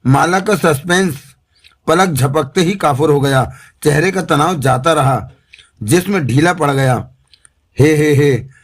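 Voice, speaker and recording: A man narrating a thriller audiobook in a measured, dramatic way. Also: a little high, husky. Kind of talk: scripted narration.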